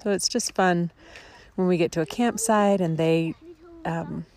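A woman's voice: lowish voice, steady tone, a little slow, darkish tone, a little hiss or hum. A woman talking casually to a vlog audience in a reflective, hesitant way. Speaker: family camping vlogger.

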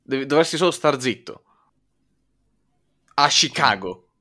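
A man's voice: mid-range voice, animated, measured pace, pushed and bright. A man debating casually as a sports podcast panelist.

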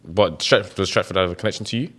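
Young male, London roadman accent, lowish voice, casual podcast banter. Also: fast, a bit bright. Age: young adult.

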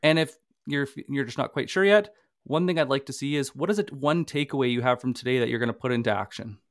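A man's voice: mid-range voice, fast talker, no echo, studio quality. A man from Canada co-hosting a live sales workshop and podcast, talking conversationally with everyday examples and the odd stammer. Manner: conversational, uses homely examples, slight stammers. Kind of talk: casual live webinar talk.

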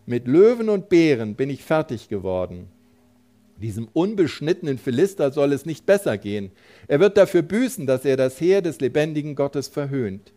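A man's voice: fairly high pitch, very animated, moderate pace, mellow. A man voicing a brave, earnest young shepherd who speaks with insistence. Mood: resolute.

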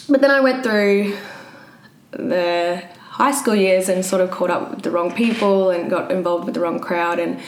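Woman, 20s, Queensland Australian accent, slightly low pitch, hesitant casual storytelling, roomy recording with some noise. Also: normal speed. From Brisbane, Australia. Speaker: interview guest. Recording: roomy echo, audible background noise.

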